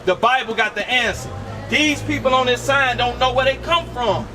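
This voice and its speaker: A very high-pitched street preacher, speaking at a moderate pace outdoors in the city, asks rhetorical questions and orders a reader along, saying "read" again and again in call-and-response style. The distant mic picks up street noise, music, and a crowd in the background.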